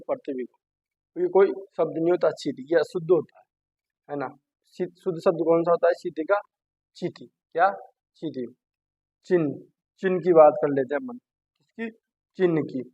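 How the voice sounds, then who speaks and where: A man's voice: on the high side, dark tone, slightly rough, dry recording. A male teacher giving a grammar lesson, who keeps asking "what?" and then answers himself by repeating the word. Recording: dull dry lo-fi sound.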